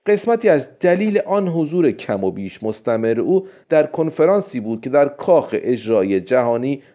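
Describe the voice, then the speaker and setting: A man narrating a science fiction story in a steady, storytelling way. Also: medium pitch. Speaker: audiobook narrator. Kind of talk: scripted narration. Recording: dull lo-fi recording.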